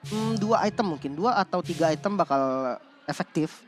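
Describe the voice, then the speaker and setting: A man commentating as an esports caster, animated and informal, breaking down the play. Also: on the high side, normal speed. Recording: music behind the voice.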